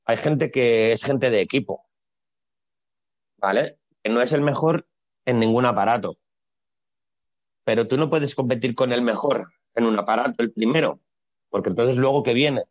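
A man talks easily as an interview guest, explaining things step by step and dropping blunt, colloquial asides. His voice sits at an ordinary pitch. The recording is dry and a little muffled. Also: moderate pace, pauses often, no room sound. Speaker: retired Olympic gymnast, guest. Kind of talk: casual interview conversation. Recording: dry, slightly dull sound.

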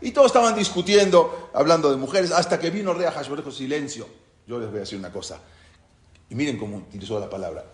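A man with a gravelly, creaky edge tells the story to his class, his pitch swinging widely as he jumps between narration and the quoted lines. His voice carries the echo of a reverberant room. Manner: acts out quotes from the story with sudden loud rises. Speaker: Torah teacher.

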